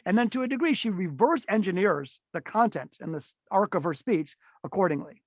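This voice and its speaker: A middle-aged man with a fairly high voice teaches a webinar in an easygoing talk full of fillers and restarts. He lets his pitch climb and drop to demonstrate, and the recording sounds close and dry with no room around it. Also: a little fast, no echo. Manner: animated, swings voice up and down to demonstrate; conversational with frequent fillers and restarts. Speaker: keynote speaker teaching a webinar.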